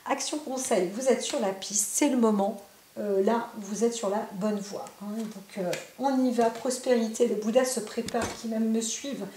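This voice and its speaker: Woman, psychic card reader, speaks straight to the viewer, many fillers, slightly high voice, roomy room. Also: moderate pace, dark tone, a little hiss or hum. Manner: talks directly to the viewer, many fillers and tag questions. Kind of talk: spontaneous oracle card reading to camera.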